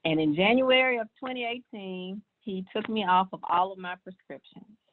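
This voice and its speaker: A woman's voice: medium pitch, normal speed. A woman, earnestly sharing her personal health story in casual talk. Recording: tinny, phone-like sound.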